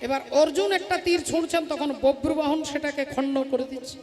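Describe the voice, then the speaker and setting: Very high-voiced woman telling a devotional tale. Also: fast, in a large hall, music in the background. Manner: addresses listeners directly, explains names. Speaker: kirtan singer and storyteller. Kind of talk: devotional storytelling kirtan.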